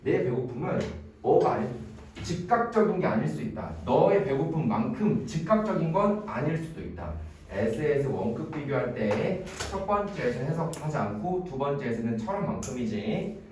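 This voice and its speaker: A man's voice: mid-range voice, normal speed. A male English teacher gives an exam-prep grammar lecture, his voice rising and falling as he quizzes students by name. He sounds far from the mic, in a very echoey classroom with faint noise behind him. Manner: animated, quizzes students by name, playful mnemonics.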